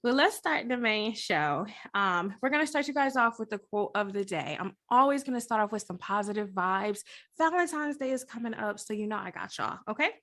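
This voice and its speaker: A woman hosting a casual podcast, talking in an animated, slangy way and laughing often. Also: mid-range voice, brisk. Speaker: podcast host.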